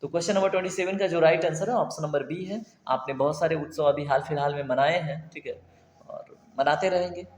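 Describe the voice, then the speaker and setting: A man's voice: fairly high pitch, quick pace, a little mellow. A man teaching Hindi spelling for an exam, chatty and quizzing his viewers, often checking they follow. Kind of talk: online exam-prep lesson. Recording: echoey room with long reverb.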